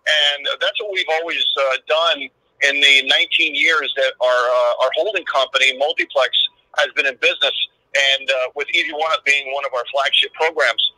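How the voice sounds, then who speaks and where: A man's voice: mid-range voice, fairly even intonation, normal speed, sharp tone. A middle-aged man, a business owner, talking in an upbeat, loose way with many fillers and restarts, his voice coming from a phone held up to a microphone. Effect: voice from a phone held up to the mic. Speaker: business owner guest on a webinar. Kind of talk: casual pitch-style webinar talk. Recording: tinny phone speaker re-recorded, distant.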